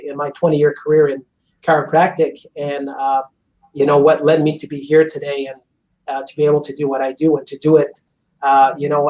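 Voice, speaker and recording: An interview over video call features a chiropractor guest with a voice on the high side, captured with poor audio. He's a native French speaker from Montreal, Canada, earnest and intense with a flat delivery and plenty of "you know" fillers.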